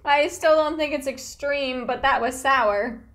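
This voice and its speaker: A woman's voice: high voice, a little slow, a bit bright. A woman in a casual taste-test chat, talking as she sucks on sour candy. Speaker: co-taster in a candy tasting video.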